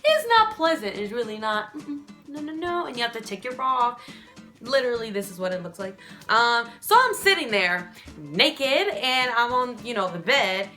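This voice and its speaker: Animated, high-voiced young woman. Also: moderate pace, soft background music. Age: young adult. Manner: animated, casual, swears freely. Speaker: vlogger. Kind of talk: storytime vlog.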